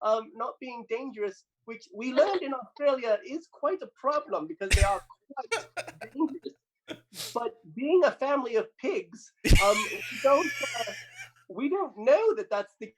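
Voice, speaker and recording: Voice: mid-range voice, animated, a little slow, background noise, pitched above the performer's own voice, close to an everyday voice. A performer playing a cheeky, self-important young girl cartoon pig at a mock press conference, bluffing and rambling through the answers with lots of ums and restarts. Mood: giddy.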